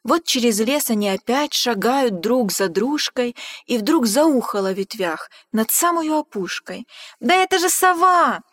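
A woman narrating a rhymed children's story with an even, rhythmic delivery. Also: a little high, unhurried, clean studio sound. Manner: even, rhythmic verse reading. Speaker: storybook reader. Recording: long hall reverb.

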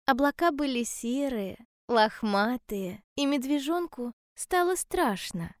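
A woman telling a children's story in a calm, gentle and measured way. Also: high-pitched, dry recording, clean studio sound.

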